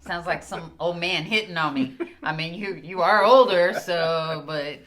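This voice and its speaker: A woman's voice: on the low side, unhurried, fairly bright tone. A Texan woman co-hosting a casual church podcast, chatting easily and teasing her partner. She laughs often and keeps the talk light. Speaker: podcast co-host. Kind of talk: casual chat.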